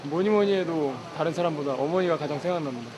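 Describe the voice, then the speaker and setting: A man's voice: fairly high pitch, fast talker, lo-fi sound. A young man, a military recruit, giving earnest and formal personal testimony. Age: young adult. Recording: loud music over the voice. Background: loud music.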